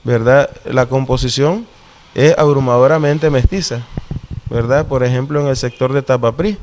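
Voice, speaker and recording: A man with a Nicaraguan Caribbean coast Spanish accent, explaining things deliberately in an interview and often checking for agreement with short tag questions. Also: medium pitch, darkish tone.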